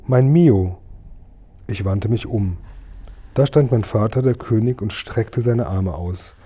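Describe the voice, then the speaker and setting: A man reading a children's storybook aloud in a gentle, measured narrating voice. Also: on the low side, slightly rough. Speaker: audiobook reader.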